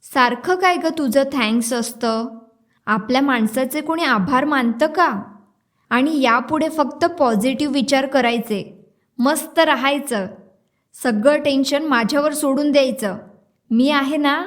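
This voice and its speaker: A woman reading the part of a doting young husband who is a doctor, speaking softly and reassuringly in an audiobook. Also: sits high, unhurried. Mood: tender.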